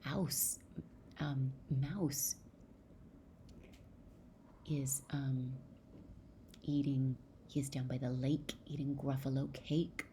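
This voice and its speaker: A woman voicing an owl in a children's story, speaking hushed and hesitant, with pauses. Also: rumbling low, steady tone, slight background noise, exaggerated voice.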